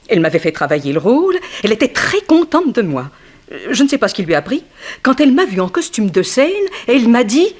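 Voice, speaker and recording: An actress voices a frank, wry young dancer in an early 1960s French radio mystery, with a theatrical, gossipy delivery. Her female voice is mid-range, and she sounds wistful and candid.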